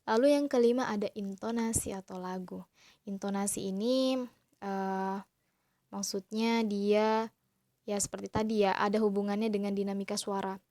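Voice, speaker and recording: A woman teacher explaining slowly and patiently to young pupils in a recorded class lesson. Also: medium pitch, fairly even intonation, mellow, no echo. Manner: slow, patient explaining to children.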